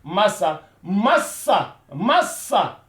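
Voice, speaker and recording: Patient male language teacher, unhurried and roomy, drilling words again and again. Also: sits high, sing-song, a bit bright. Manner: repeats words slowly, many "voilà" fillers. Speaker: Arabic teacher. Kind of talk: beginner language lesson.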